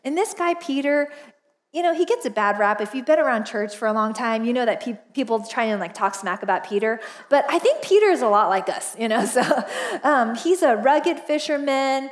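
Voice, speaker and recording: A high-voiced pastor in her forties tells stories in a relaxed sermon, talking a little fast from the stage of a big indoor church auditorium. Lively and talkative, she laughs frequently and fills her speech with lots of fillers.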